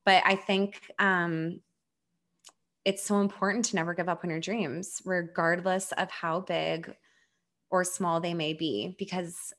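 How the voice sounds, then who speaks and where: A woman's voice: fairly low pitch, flat delivery, unhurried, fairly bright tone. A woman in her thirties, a hockey player's wife, speaking earnestly and encouragingly as a podcast guest, often saying "like". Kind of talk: conversational interview.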